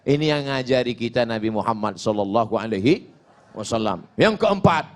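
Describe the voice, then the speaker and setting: A man's voice: mid-range voice, expressive, normal speed. A man giving a humorous sermon as a preacher, acting out little dialogues and chanting Arabic verses.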